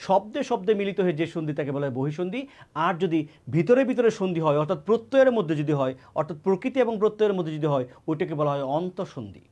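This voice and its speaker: Man, grammar teacher, exam-prep lesson, fairly high voice, repeats key words. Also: lively intonation, racing, darkish tone. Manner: repeats key words and asks then answers his own questions.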